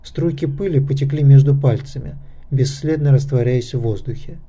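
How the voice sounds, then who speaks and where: A man reads a fantasy audiobook with steady, measured narration. His tone is deep and dark, mellow rather than bright, at an ordinary male pitch. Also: slightly rough. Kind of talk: scripted narration.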